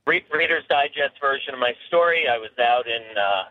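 A man's voice: medium pitch, expressive, fairly quick, dry recording. A man calling into a show on a speakerphone from his car, chatting casually with lots of ums and uhs. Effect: phone line on speakerphone. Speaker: caller. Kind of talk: casual call-in chat. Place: in his car on a snowy road. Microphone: phone on speaker. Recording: tinny phone line from a car.

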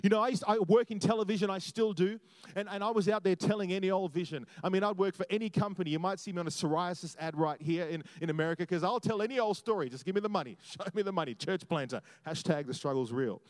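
Man, guest preacher, high voice, dry close sound, animated sermon delivery, repeats phrases. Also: fast talker, dry recording. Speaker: guest preacher and church planter. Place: church.

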